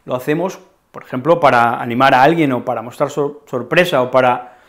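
A man with a Spanish accent teaching a language lesson to camera, expressive and often checking in with "¿vale?". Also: medium pitch, fairly quick. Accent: Spain. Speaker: Spanish teacher, channel host.

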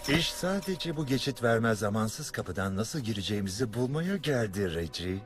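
A gung-ho cartoon turkey commando, swooping delivery. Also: male voice, on the low side, big pitch swings, normal speed. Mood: solemn, commanding. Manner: dramatic, solemn military pronouncements. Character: big gung-ho turkey, self-serious deluded commando. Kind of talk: Turkish cartoon dub acting. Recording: film soundtrack with music underneath.

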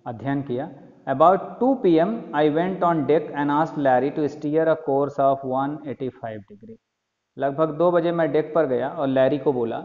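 A male teacher giving a lesson, reading English text aloud very slowly and then explaining each line in detail. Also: mid-range voice, dark tone. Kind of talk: classroom lecture explaining an English textbook chapter in Hindi. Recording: lo-fi recording with long echo.

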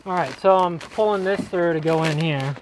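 A man's voice: a little high, moderate pace, background noise. A man explaining electrical work on the job in a cramped basement, in a casual, joking way. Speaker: electrician host. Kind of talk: explaining on-the-job wiring to camera. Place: cramped basement crawl space.

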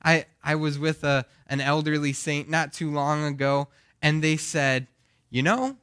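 A man's voice: a little high, completely flat delivery, measured pace, a bit bright, clean tone, dry recording. Young guy preaching, groggy voice, earnest, keeps asking the church questions, dry close sound. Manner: earnest, asks the congregation questions. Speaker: pastor. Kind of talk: sermon.

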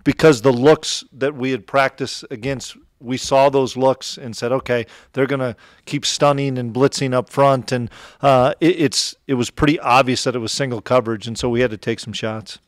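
After a game, a middle-aged head football coach with an Upper Midwest American accent answers press questions in a relaxed, plainspoken way, full of fillers and restarts. His medium-pitched voice moves at a moderate pace, picked up by a table mic close in front of him in a press room with a sponsor backdrop. The recording is dry and clean, studio-like.

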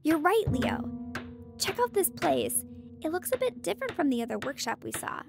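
High, gravelly-edged young girl explorer. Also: sing-song, normal speed, over music, full character voice. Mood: excited. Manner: explains facts in a clear storytelling way. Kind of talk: children's audio drama acting.

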